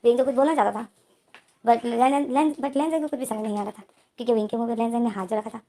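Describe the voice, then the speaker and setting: A woman's voice: fairly high pitch, fairly even intonation, fast, dark tone. A woman casually retelling a story in a chatty way, with many filler connectives. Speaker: story narrator.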